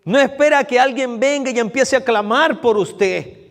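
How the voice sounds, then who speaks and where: A man's voice: very high voice, moderate pace, a bit bright. A man preaching an evening sermon to his congregation, speaking to them directly and repeating phrases for emphasis. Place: church hall. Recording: long reverb of a church hall.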